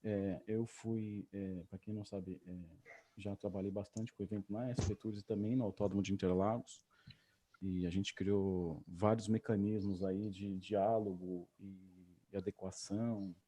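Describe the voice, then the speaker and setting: A man's voice: on the low side, level tone, normal speed, warm tone, a little hiss or hum. A man, an official giving hesitant remarks full of fillers at a public hearing over a video call. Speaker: tourism agency official.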